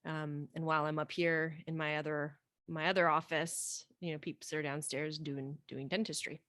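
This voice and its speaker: Romania-raised woman in her thirties, hygienist guest, casual and jokey, low voice. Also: little pitch movement, moderate pace, a bit bright, no room sound. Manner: chatty, joking, lots of "like". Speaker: guest, dental hygienist and practice owner. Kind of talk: casual interview chat.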